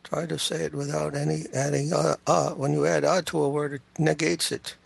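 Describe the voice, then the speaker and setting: A man teaching a class, patiently correcting a student's Sanskrit pronunciation and spelling out the sounds slowly. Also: a little high, level tone, creaky, husky, no room sound.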